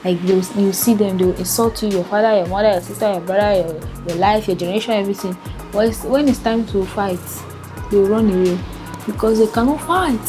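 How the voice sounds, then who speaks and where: Over music, a young Nigerian vlogger talks briskly to the camera in a mid-range voice and a Nigerian accent. She's casual, laughs a lot, and keeps saying "like."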